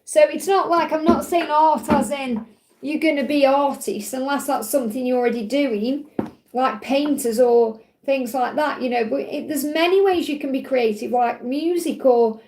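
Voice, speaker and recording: A woman's voice: high voice, darkish tone, a little hiss or hum. A woman with a Stoke-on-Trent accent, giving a casual, reassuring live card reading to viewers. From Stoke-on-Trent, England. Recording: roomy, echoey sound.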